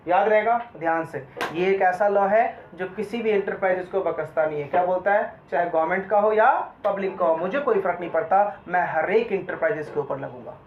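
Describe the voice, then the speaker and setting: His voice sits high, and he talks fairly quickly with few pauses as he lectures a law class in Hindi mixed with English terminology. He addresses students as "beta" and quizzes them frequently. Slight background noise sits under echoey, dull lo-fi audio.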